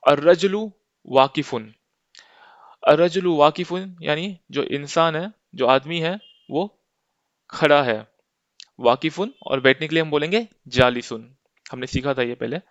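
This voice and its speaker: A man's voice: a little high, a bit bright, no room sound, lo-fi sound. A man teaching an Arabic lesson step by step, patient and often checking in with his listeners.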